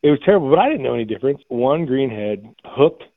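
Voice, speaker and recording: A man's voice: medium pitch, expressive, fast talker, no room sound. A man telling personal stories in a casual, conversational way, as an interview guest. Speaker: interviewee, bird hunter. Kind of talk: casual storytelling. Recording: narrow tinny phone-like line.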